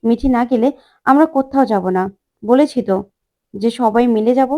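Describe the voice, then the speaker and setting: A woman's voice: fairly high pitch, moderate pace, dull audio, close to an everyday voice. A woman voicing a protective, hot-tempered middle-aged uncle in a retold family serial. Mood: firm. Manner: firm, insistent.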